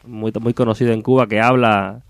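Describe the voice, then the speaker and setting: A man introducing and reading popular poems as a radio guest, relaxed and a little hesitant. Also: mid-range voice, fairly quick, dry recording. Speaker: radio guest reciting poetry.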